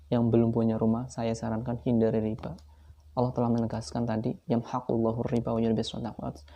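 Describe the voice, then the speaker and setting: A man's voice: mid-range voice, creaky, mellow. A man telling a personal story to his viewers, earnest and devout, talking to them directly as friends. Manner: devout, with frequent religious exclamations. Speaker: vlogger sharing a personal story. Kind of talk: emotional personal testimony.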